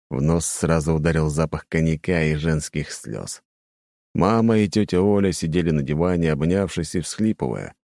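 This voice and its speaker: A man narrating a first-person audiobook in a somber, measured way. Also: very deep voice, gravelly, mellow, no room sound, clean studio sound.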